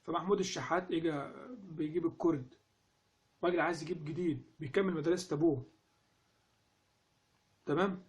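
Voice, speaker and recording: A man with an Egyptian accent giving a casual spoken lesson on recitation, lively and full of rhetorical questions. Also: a little high, a little fast, long pauses. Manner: animated, asks rhetorical questions. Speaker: instructor on Quran recitation.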